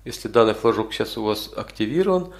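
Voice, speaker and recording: A man with a lowish voice leads an informal software tutorial. He explains each step as he goes, pausing now and then to find the next word. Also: lively intonation, vocal fry. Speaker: tutorial instructor. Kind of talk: informal spoken software walkthrough.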